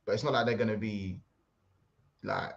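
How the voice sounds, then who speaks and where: A man hosting a casual football livestream, rambling and excitable, reading out chat messages. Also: on the low side, moderate pace, gravelly, highs cut off. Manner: excitable, rambling, London slang. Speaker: livestream host.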